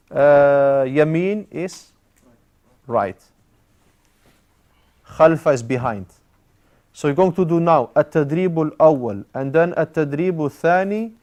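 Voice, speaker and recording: Halting man teaching a classroom lesson. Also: fairly high pitch, darkish tone. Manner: halting, with frequent "uh" fillers, mixing in Arabic terms; explains step by step, repeating key words. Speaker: Arabic teacher.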